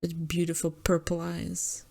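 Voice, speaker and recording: A woman's voice: on the low side, completely flat delivery, unhurried, gravelly, mellow. A young woman reading a visual novel aloud, casual and giggly, stumbling over words with side comments. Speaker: gaming channel host.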